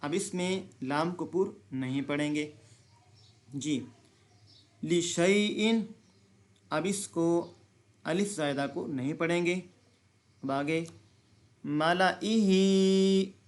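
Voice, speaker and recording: A man teaching Quran reading, explaining pronunciation rules and then slowly reciting words, often asking and answering his own questions. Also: on the high side. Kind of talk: slow recitation lesson.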